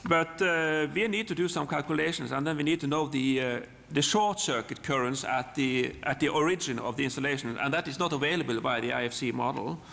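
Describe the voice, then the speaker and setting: Creaky-voiced Norwegian man, halting presenter. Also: on the high side, bright, forceful tone. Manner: halting, repeats words and restarts often. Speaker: software presenter. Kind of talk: live technical demonstration talk. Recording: long hall reverb.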